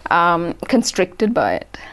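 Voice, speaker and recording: A woman in her forties from Sri Lanka, a guest in an interview, speaking thoughtfully with many pauses and restarts. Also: lowish voice, very animated, a bit bright. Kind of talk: interview conversation.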